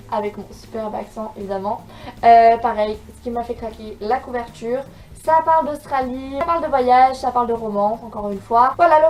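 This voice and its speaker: A woman's voice: fairly high pitch, darkish tone, distant mic, poor audio. A young woman talking casually about books in a vlog, chatty and eager, with frequent filler words. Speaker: book vlogger. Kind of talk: casual chat.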